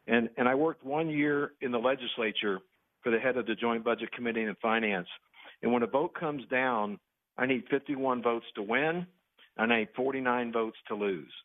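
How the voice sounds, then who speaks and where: A man's voice: medium pitch, normal speed. A man in his sixties calling in to a talk radio show on a crackly phone line that fades in and out. He rambles and talks insistently, with many restarts. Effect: caller on a crackly phone line that fades in and out. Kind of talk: political call-in talk. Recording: tinny phone line, breaking up.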